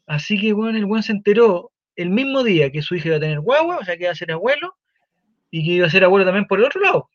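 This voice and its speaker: A Chilean man hosting a casual talk show, animated and swearing as he tells a story. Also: high-pitched, quick pace, no echo, muffled recording.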